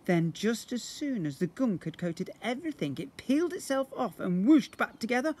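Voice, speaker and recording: A man in his fifties with a very high-pitched, husky voice reads a story to young children at a moderate pace, playing up the sound words expressively. He is outdoors beside brick houses, recorded by a phone or camera at about arm's length.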